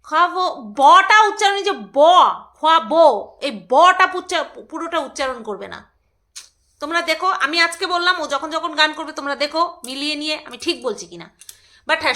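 A woman's voice: high-pitched, lively intonation, moderate pace, bright, forceful tone. A woman vlogging in a casual, rambling chat, laughing often and breaking into song. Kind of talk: casual chat with snatches of singing.

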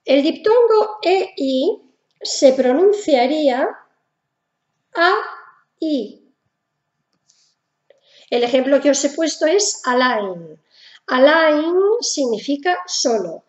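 A woman's voice: high-pitched, very animated, slow, a little mellow, roomy sound, dull audio. A woman with a Spanish accent from Spain teaching German pronunciation in a casual video lesson, patient and repeating each sound.

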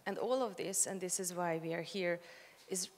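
A young woman gives a measured, prepared opening speech from notes on stage, speaking into a handheld mic. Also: lowish voice. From Hungary. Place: large conference hall, on stage. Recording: long hall reverb.

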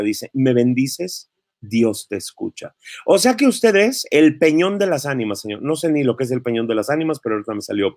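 A man's voice: mid-range voice, a little mellow, no room sound, clean studio sound. A man doing casual gossip commentary, mocking and sarcastic in his asides.

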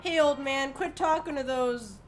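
A woman's voice: high-pitched, moderate pace, soft background music, lightly acted. Woman doing a slurring drunk thug. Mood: slurred taunting. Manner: slurred, swaggering drawl. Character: drunk belligerent male street thug.

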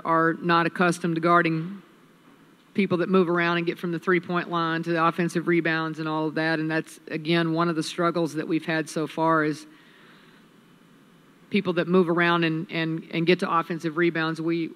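A woman in her fifties, a head coach at a postgame press conference, speaking in a measured, analytical way into a table microphone. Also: sits low, fairly bright tone. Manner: measured, analytical, many restarts. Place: press room with sponsor backdrop. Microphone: table mic on a stand.

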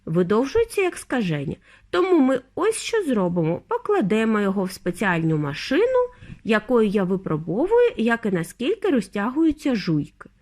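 A woman's voice: on the high side, wildly swooping pitch, moderate pace, darkish tone. A woman voicing an eccentric, cheerful male chocolate maker with a breezy, theatrical manner.

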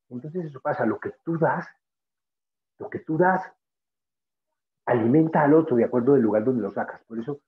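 A man guest speaker giving a spiritual motivational talk, earnest and emphatic, repeating phrases to drive points home. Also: medium pitch. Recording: tinny phone-like sound.

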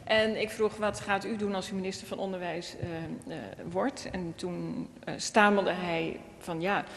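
A woman member of parliament speaking in a panel debate, lively but stumbling in places, in a large conference hall. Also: medium pitch, moderate pace, slight background noise. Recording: echoey hall.

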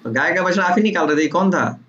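Jovial teacher with a lilt. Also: male voice, high-pitched, animated, quick pace, a bit bright. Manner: teasing, jovial, calls on students by name. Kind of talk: casual online class. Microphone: video call. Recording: dull online call audio with faint noise.

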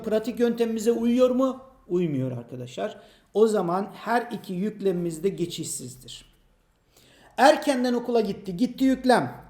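A male teacher giving an exam prep grammar lesson, explaining slowly and patiently, asking questions and answering them himself, and speaking to imagined students by name. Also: high-pitched, a little mellow, reverberant.

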